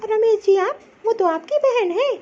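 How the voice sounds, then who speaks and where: A woman's voice: very high-pitched, expressive, a little slow, dark tone, highs cut off. A woman doing an outspoken cartoon daughter-in-law. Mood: insistent. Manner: insistent, scolding.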